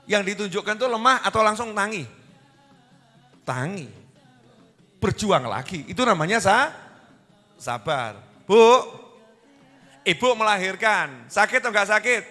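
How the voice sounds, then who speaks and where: Lively Javanese-accented man preaching. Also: high-pitched, a little slow, long pauses, long reverb tail, faint music behind. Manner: lively, animated, asks the audience questions. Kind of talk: sermon.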